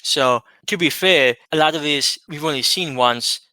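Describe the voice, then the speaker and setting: Clear, measured male co-host. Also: a little high, pushed and bright, no echo. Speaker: podcast co-host. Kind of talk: casual chat.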